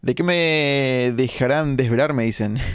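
A young live-streaming gamer from Argentina, speaking Rioplatense Spanish, reads viewers' chat comments aloud during a late-night session, chatty and full of quick asides. The recording is studio quality with no echo, his mid-range voice smooth.

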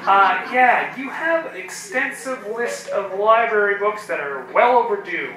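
Brief: man leaving a high, lively voicemail, deadpan lister, played into an echoey hall with a crowd. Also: a little slow. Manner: deadpan list-reading, hesitant fillers. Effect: voicemail message played over hall speakers. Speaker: voicemail caller. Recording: echoey playback heard from far off. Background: audience crowd.

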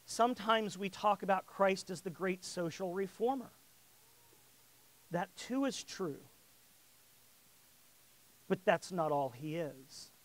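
A man's voice: high-pitched, lively intonation, takes it slowly, pauses often. A man preaching a sermon who builds in volume on key lines and sometimes repeats words as he searches for phrasing.

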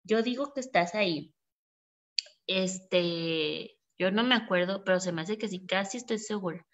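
A woman's voice: mid-range voice, a little slow. A woman who teaches online marketing in a live screen-share tutorial. She chats casually and thinks aloud as she types. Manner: chatty, thinks aloud while typing. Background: keyboard typing and clicks.

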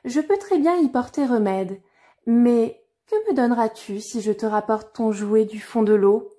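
A woman voicing a pleading, insistent little frog at a well in a fairy-tale reading, calling out high and loud. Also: unhurried, natural voice. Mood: coaxing. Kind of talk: storybook reading.

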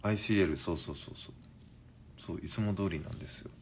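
Man in his 40s, very low voice, languid and sleepy-sounding, casual live-stream chat, faint room hum. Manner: languid, drowsy-sounding, unhurried.

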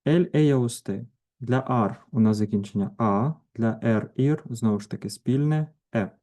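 A man teaching a grammar lesson, working through verb forms one at a time with deliberate pauses between them. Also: medium pitch, dark tone. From Ukraine. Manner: slow, deliberate, pausing between each verb form. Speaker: language teacher. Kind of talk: grammar lesson with conjugation drills.

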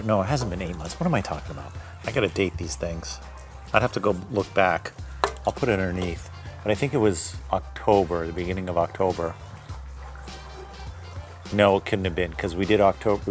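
Low-voiced man thinking aloud. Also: darkish tone. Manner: thinks aloud, corrects himself mid-sentence; describes aromas and flavors in detail. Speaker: homebrewer reviewing his own beer. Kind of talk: casual tasting vlog.

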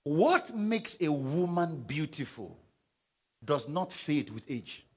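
A young pastor with a Nigerian English accent preaches on the stage of a large church auditorium, holding a handheld mic and pacing as he urges the congregation to read along and respond. His voice swings widely in pitch, slightly rough, and he takes his time, shifting between loud emphasis and quiet asides.

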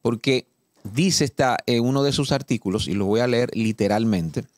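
Dominican male commentator, indignant and emphatic, mid-pitched, close dry studio mic. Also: a little mellow, dry recording. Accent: Dominican Spanish. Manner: indignant, emphatic, reads law text slowly and deliberately. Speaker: political commentator. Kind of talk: casual studio political talk.

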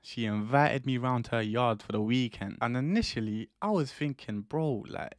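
A man's voice: mid-range voice, lively intonation, normal speed, no echo. A man in his twenties with an East London roadman accent, telling a casual comic story in street slang with emphatic delivery into a close microphone. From East London, England. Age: 20s. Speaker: YouTube storyteller. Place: small indoor room. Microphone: close studio microphone on boom arm.

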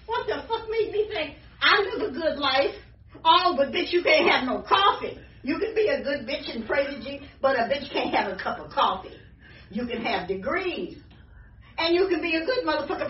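A woman's voice: high voice, very animated, normal speed. A middle-aged woman ranting with nonstop swearing and half-laughing anger, out of breath, filmed by someone else's phone in a house. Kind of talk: profane exasperated rant. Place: indoors in a house. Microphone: phone held by someone filming her. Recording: roomy, distant, dull phone audio.

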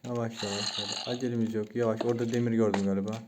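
A young man giving Minecraft let's-play commentary, talking himself through the game, muttering to stay calm and breaking into excited yelps. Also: fairly low pitch, rapid-fire. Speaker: gaming YouTuber. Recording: noisy home recording with keyboard clicks.

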